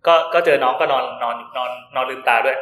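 A man's voice: medium pitch, fast talker, a bit bright. A man co-hosting a podcast who tells a long story in a rambling casual way, often repeating his words. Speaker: podcast co-host. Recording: roomy room with faint noise.

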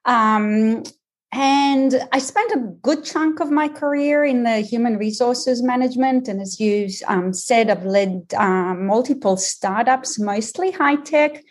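A woman in her fifties, a career coach, appears as a guest in a podcast interview. Her slightly high voice carries a mixed Israeli, Australian and American accent, and she explains things in a measured way with frequent ums.

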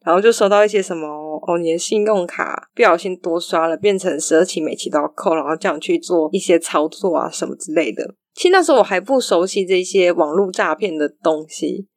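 A young adult woman with a Taiwanese Mandarin accent, telling stories in a casual, animated monologue and acting out the voices she quotes. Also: fairly low pitch, brisk, few pauses, no echo, studio quality.

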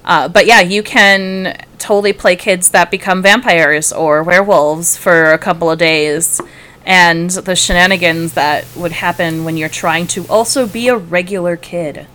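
A woman speaks as a panelist in a casual podcast chat. Her voice is on the low side. Her phrasing is informal and somewhat halting. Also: fairly bright tone. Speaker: game writer and podcast panelist. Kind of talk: casual podcast chat, plugging own work.

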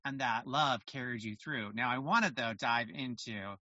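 A man's voice: medium pitch, normal speed, bright, forceful tone, no room sound, dull audio. A man hosting a podcast interview, reflecting back on what his guest said and asking questions in an affirming, encouraging way. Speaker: podcast host.

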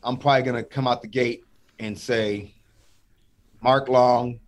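A man's voice: mid-range voice, fairly even intonation, a little slow. A middle-aged man talking earnestly and emotionally as a guest in a casual podcast chat.

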